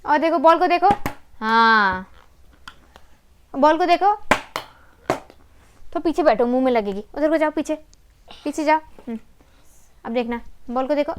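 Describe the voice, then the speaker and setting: Mother, high and unhurried, patient repetitive prompting of a child. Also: slight background noise. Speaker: mother doing therapy exercises with her child. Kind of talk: coaching a child through play.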